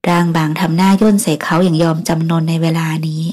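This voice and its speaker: A woman narrating a romance novel audiobook in a smooth, steady storytelling manner. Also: deep voice, fast talker.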